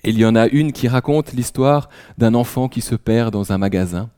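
A man raised in France preaching a sermon, telling stories in a conversational way and often dropping to a hushed near-whisper. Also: mid-range voice, moderate pace, clear, resonant tone, no room sound, clean studio sound. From France, raised in Alsace. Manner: many restarts, conversational storytelling.

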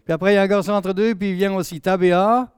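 A man's voice: high-pitched, steady tone, fast, smooth, dry recording, clean studio sound. A man in his sixties from southwest France with a southern French accent, a guest preacher chatting jovially through his opening anecdotes. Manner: chatty, jovial, often trailing off with "hein". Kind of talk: sermon introduction with anecdotes.

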